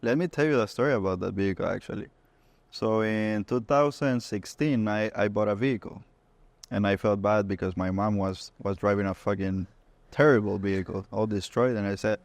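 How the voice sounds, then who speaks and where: A man's voice: lowish voice, a little fast, no room sound. A man from Honduras co-hosting a car podcast, telling stories casually, with curse words and frequent restarts. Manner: relaxed storytelling with swearing and restarts. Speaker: podcast co-host. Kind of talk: casual chat.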